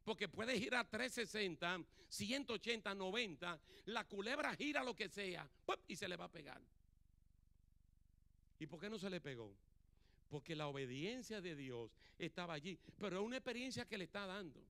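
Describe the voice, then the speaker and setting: A man's voice: sits high, expressive, moderate pace, bright, forceful tone. A male pastor preaching a sermon in a church, acting out Bible dialogue and putting questions to the congregation. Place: church sanctuary.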